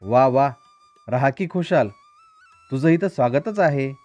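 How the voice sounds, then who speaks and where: A man voicing a gentle, welcoming mountain who speaks like a kindly elder in a storybook tale. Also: medium pitch, lively intonation, unhurried, no room sound, faint music behind, lightly acted. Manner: warm, welcoming. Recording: dry, slightly dull recording.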